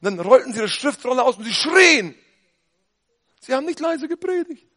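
A man preaching a sermon with fervour, dropping to quiet talk and then shouting out his points. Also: extremely high pitch, sing-song, fairly quick. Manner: fervent, switches between quiet talk and shouting.

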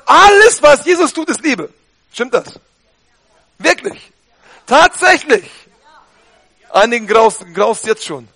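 High-voiced preaching man. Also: vocal fry. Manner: animated preaching, calls for amen and halleluja. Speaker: pastor. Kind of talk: sermon.

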